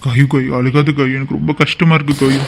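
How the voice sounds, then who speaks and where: A man's voice: mid-range voice, flat delivery, fast talker, vocal fry, noisy background, natural voice. A man voicing a fretful, doting young cartoon husband at his wife's delivery. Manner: fretful and gushing. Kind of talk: cartoon voice acting.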